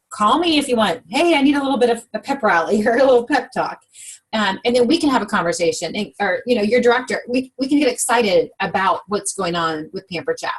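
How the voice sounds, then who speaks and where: In a low-quality recording, a woman who directs a sales team gives an upbeat coaching-style training session and often asks her audience questions. Her voice is mid-range and slightly rough.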